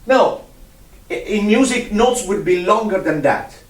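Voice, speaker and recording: A man's voice: sits high, expressive, measured pace. A man teaching a one-on-one music lesson, patient, repeating himself and counting out rhythms. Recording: roomy sound from a distant mic.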